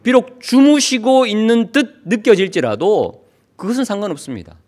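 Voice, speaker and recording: A man preaching a sermon in a fairly high voice that swings widely in pitch. He asks his listeners many rhetorical questions and acts out pleading lines with sudden rises and drops. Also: sing-song, normal speed, a little mellow. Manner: dramatic preaching with rhetorical questions, acting out pleas. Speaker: pastor.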